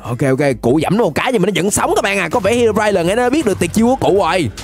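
A woman giving excited, playful Minecraft gameplay commentary, laughing often and rapidly repeating words. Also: mid-range voice, breathy edge, soft background music. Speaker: gaming channel host.

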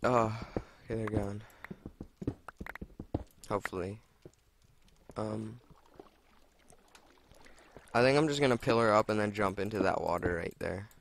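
A man's voice: lowish voice, a little slow, vocal fry, long pauses, slight background noise. A young man casually commenting as he plays a game, chatty and prone to swearing and exclamations at what he finds. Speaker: let's play gamer.

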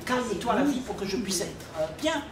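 An older man speaking at a public dialogue in a library, calm and teaching, often checking he is understood. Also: high-pitched, brisk, crowd noise. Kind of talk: spiritual dialogue with audience. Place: library reading area, indoors. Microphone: far room microphone. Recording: echoey room, distant mic, noisy.

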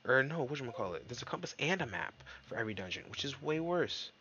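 Excitable man swearing through a game. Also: medium pitch, quick pace, muffled recording, slight background noise. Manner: excitable, swearing, jokey, talks to himself and viewers. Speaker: gaming YouTuber. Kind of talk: casual let's-play commentary. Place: dark room at home.

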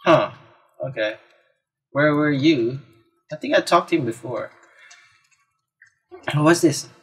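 This let's play gamer speaks slowly in a fairly high voice with a breathy edge. Talking to himself, he exclaims and reacts in casual gameplay commentary while video game music plays.

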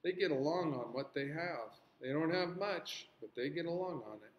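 A man's voice: on the high side, animated, moderate pace, reverberant, voice pushed up, lightly acted. A man voicing an earnest, outspoken young girl who explains things plainly to her teacher. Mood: explaining.

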